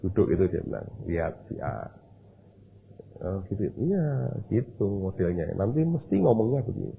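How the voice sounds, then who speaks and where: A male Indonesian pastor telling a story in a sermon, acting out the voices in it with animated storytelling. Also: on the low side, normal speed. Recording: husky phone-like sermon recording.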